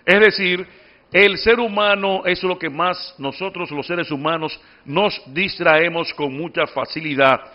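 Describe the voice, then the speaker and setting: A man's voice: a little high, measured pace, dull audio. A man giving a public speaking workshop, explaining and quizzing his audience. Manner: didactic, addresses audience with questions. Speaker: oratory instructor. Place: workshop at a book fair.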